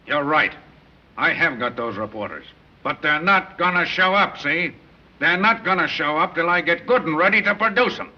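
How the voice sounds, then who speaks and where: An actor playing a slick big-city gangster who bargains with the police in tough street slang. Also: male voice, on the high side, lively intonation, normal speed. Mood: pushy, pleading. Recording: dull old 1930s film soundtrack, faint hiss.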